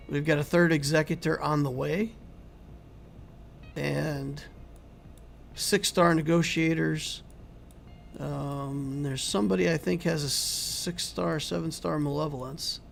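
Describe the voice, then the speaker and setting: A man hosting a casual game livestream, reading and answering viewer chat in a rambling, conversational way while he keeps losing his voice and clearing his throat. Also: fairly high pitch. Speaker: YouTube game channel host.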